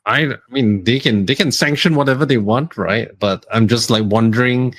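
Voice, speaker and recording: A man's voice: mid-range voice, moderate pace. Male host, casual panel chat, easygoing and laughing. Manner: relaxed, laughs often. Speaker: podcast host.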